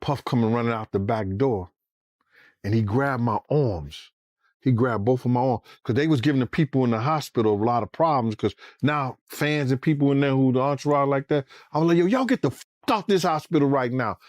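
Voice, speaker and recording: A former bodyguard telling a story in a casual interview, animated and profane, acting out the voices he quotes. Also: mid-range voice, fairly quick, no room sound, clean studio sound.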